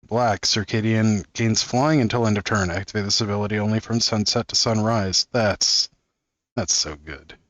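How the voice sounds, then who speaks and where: A man's voice: fairly low pitch, moderate pace, a bit bright, dry recording. A man hosting a card-opening video, reading card text aloud in a casual, amused way and chuckling often. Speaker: card-opening channel host.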